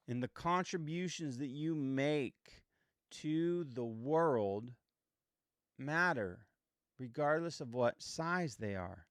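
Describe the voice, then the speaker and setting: A man's voice: medium pitch, clear, resonant tone, no echo, studio quality. A man in his fifties hosting a reflective motivational monologue, earnest and emphatic, repeating points and asking rhetorical questions. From United States. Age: 50s. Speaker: podcast host.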